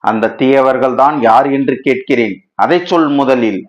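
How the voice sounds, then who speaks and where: A man voicing a calm male friend in a storybook reading, asking steady questions and urging the other to speak plainly, on a dull lo-fi recording. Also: medium pitch, normal speed, close to an everyday voice. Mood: impatient. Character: calm male friend, patient but pressing.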